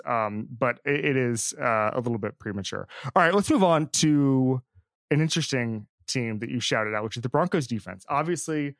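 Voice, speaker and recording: A man's voice: mid-range voice, dry recording, studio quality. A man hosting a sports podcast in a casual, rambling way, with frequent restarts and asides. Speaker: podcast host.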